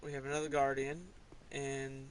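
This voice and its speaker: Laid-back male gamer, rambling and hesitant, ordinary pitch, faint noise behind. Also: monotone, moderate pace, poor audio. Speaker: gamer showing his garage. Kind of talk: casual gameplay commentary.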